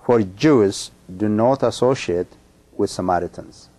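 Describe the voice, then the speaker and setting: A middle-aged man from Ethiopia giving a sermon, speaking in a measured, emphatic way with frequent pauses and ums. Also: on the low side, warm tone. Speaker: pastor.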